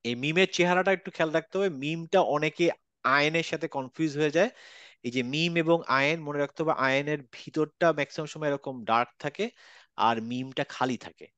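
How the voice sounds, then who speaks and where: A man's voice: on the high side, fairly quick, a bit bright, smooth, dry recording. A man teaching Quran letter pronunciation in an online class, patiently repeating each sound. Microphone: video call.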